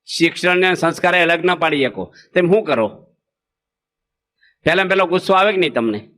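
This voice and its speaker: High-voiced Gujarati monk preaching with humor. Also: male voice, moderate pace. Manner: lively, asks the audience rhetorical questions, acts out parents and children. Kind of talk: humorous sermon to a congregation.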